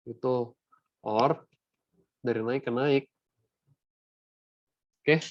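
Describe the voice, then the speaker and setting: A man's voice: medium pitch, no room sound. A young man with an Indonesian accent teaching a maths lesson in a casual, chatty way, often checking that students follow. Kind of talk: classroom lesson mixing Indonesian and English. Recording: dull, dry sound.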